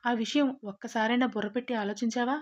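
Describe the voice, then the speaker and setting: Woman voicing an angry young man yelling. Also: fairly high pitch, fairly even intonation, quick pace, lightly acted. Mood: scolding. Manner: shouting, scolding. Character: angry young man, protective loyal friend.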